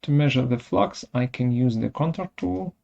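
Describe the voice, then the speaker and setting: In muffled webinar audio, a presenter whose sex is unclear walks through a software demo step by step using short, halting phrases. The voice is medium-pitched and creaky, with lively intonation.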